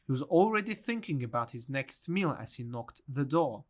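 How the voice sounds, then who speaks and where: A man's voice: medium pitch, big pitch swings. A man narrating a children's storybook aloud. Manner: slow, deliberate storytelling.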